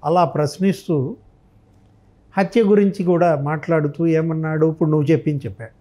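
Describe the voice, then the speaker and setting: A man speaks briskly in a mellow, fairly high voice with fairly even intonation. His political commentary is impassioned and emphatic, full of rhetorical questions and re-enactments of others' comments.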